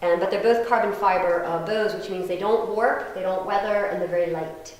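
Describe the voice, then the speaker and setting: A woman's voice: mid-range voice, brisk, a little mellow. A woman violinist chatting casually with a live audience between pieces, laughing and telling stories. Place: house concert venue with audience. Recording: echoey room.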